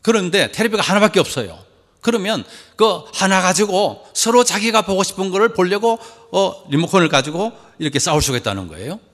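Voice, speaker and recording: A man's voice: high voice, big pitch swings, fairly quick, fairly bright tone, in a large hall. A man preaching a sermon as pastor, joking with the congregation and asking them questions.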